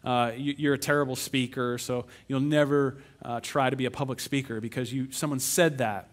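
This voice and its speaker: A middle-aged man preaching a sermon as pastor, animated, breaking into whiny put-on voices when acting out complaints. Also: mid-range voice, normal speed.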